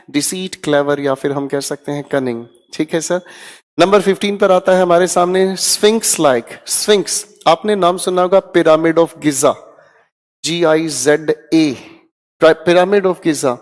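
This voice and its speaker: An energetic male teacher drilling vocabulary, calling out words loudly and checking in often. His voice sits a bit high for a man. It rings with a long reverb, as in a hall. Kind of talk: online exam-prep vocabulary lesson.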